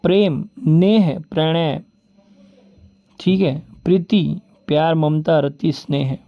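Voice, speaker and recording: Speaking in a steady tone on the high side, a Rajasthani-accented Hindi teacher rattles through vocabulary lists for exam preparation, with the high frequencies cut off in the audio. His rapid delivery keeps circling back to "ठीक है" and "बोलते हैं", and he calls viewers "दोस्तों" and "भाई".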